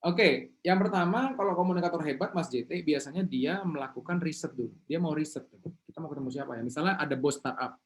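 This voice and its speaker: A man giving an online seminar talk as a motivational coach over a video call. He is animated and leads his audience in call-and-response. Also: on the high side, quick pace, few pauses.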